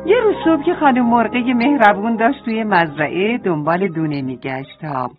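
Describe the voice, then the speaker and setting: A woman's voice: mid-range voice, animated, music in the background. A woman narrating a children's bedtime story, tender and speaking straight to the little ones. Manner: tender, addressing children directly. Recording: tinny phone-like sound.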